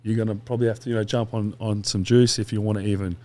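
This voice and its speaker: A man's voice: lowish voice, level tone, fast, darkish tone, slight background noise. A man, a podcast guest telling long stories in a casual, rambling way with quoted asides and swearing. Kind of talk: casual interview chat.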